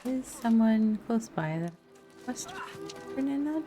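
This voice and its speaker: A woman game streamer thinks aloud and muses to herself in casual commentary as she plays live. Her voice is a little high and animated, and her pace is slow. Background music and game sound can be heard behind her.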